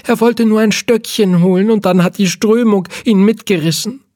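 A man voicing a frantic old woman calling for help in a read-aloud children's story, with a shrill, panicked voice. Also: fairly even intonation, moderate pace, a little mellow, no echo, clean studio sound, lightly acted. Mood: distraught.

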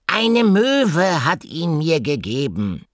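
A man voicing a cheeky, playful female magpie in a children's audiobook, with a squeaky, giggly, excitable manner. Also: takes it slowly, no echo, studio quality, exaggerated voice. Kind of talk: audiobook character voice.

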